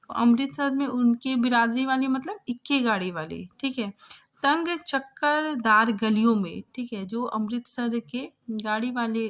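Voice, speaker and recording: Woman teacher, slow explaining, fairly high voice, checks in constantly, line-by-line story lesson. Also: a bit bright. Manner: explains slowly, keeps asking "ठीक है?" after each phrase. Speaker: literature teacher.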